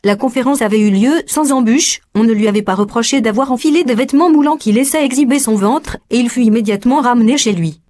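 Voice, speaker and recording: A woman narrates a story aloud, her voice sitting slightly high. Her delivery is even and measured, in a steady storytelling rhythm. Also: a little hiss or hum.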